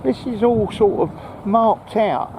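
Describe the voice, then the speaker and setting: Walking outdoors in a park, a vlogger talks casually to his camera, a little hesitant at times. He has a high, warm voice and takes it slowly, while wind and noise fill the outdoor recording.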